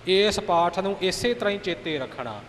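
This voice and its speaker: A man patiently teaching correct recitation, politely repeating phrases slowly to demonstrate. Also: high voice, lively intonation. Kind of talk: instructive correction of pronunciation. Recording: hall reverb with faint hiss.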